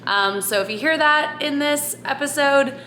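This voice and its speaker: A woman's voice: high voice, normal speed, sharp tone, a little hiss or hum. A woman giving an informal, apologetic note about technical problems on the podcast. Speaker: podcast editor. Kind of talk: casual spoken announcement. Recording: roomy, echoey room.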